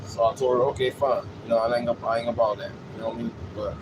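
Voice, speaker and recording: A vlogger in his late thirties rambles casually and repetitively with anecdotes while riding a city bus, his medium-pitched voice flat and rapid-fire. He speaks off the cuff, constantly tossing in "you know" and "you know what I'm saying." Vehicle and air noise come through clearly on the recording.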